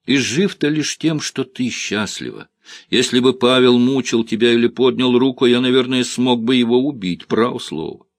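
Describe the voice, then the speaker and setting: A man's voice: mid-range voice, moderate pace, dry recording, voice pushed up, lightly acted. A man reading the part of an earnest, lovesick village electrician, pleading and sincere. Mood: heated.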